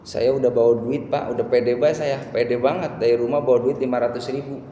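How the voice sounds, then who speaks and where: A middle-aged man preaching a sermon, telling a personal story in a conversational way that swells into impassioned, high-pitched delivery. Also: steady tone, fairly quick, warm tone, slight background noise. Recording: echoey hall with faint ambience.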